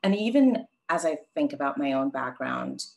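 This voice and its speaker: A woman from Sri Lanka with a strikingly deep, low voice, answering interview questions as a guest. She talks things through reflectively, with frequent ums and false starts. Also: expressive, moderate pace, creaky, darkish tone, low-quality recording. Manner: reflective, thinks aloud with many ums and restarts.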